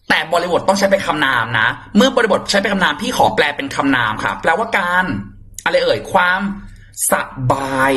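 A man teaching English vocabulary in a casual, playful lesson, chatting warmly and repeating and spelling out words for his students. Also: a little high. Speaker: English exam tutor.

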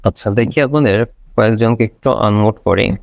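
A man teaching English pronunciation in an online class. He says each word slowly and repeats it several times. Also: fairly low pitch, creaky, no room sound, highs cut off.

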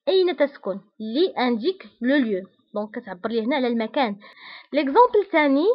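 A woman with a Moroccan accent teaching French grammar, explaining patiently and repeating herself, with the French examples read out slowly. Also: high-pitched, lo-fi sound. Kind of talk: explaining a grammar lesson, mixing languages.

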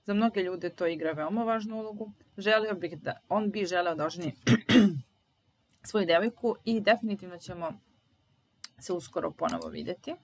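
A woman teaching a German lesson, saying sentences aloud and repeating each one slowly and carefully. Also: lowish voice, creaky, poor audio. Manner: slow, deliberate repetition of phrases.

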